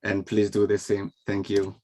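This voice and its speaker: A man's voice: on the low side, completely flat delivery, normal speed, warm tone. A man moderating an online event from a video call, welcoming people in a friendly way with frequent fillers. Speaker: webinar host. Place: home or office on a video call. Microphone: video call microphone.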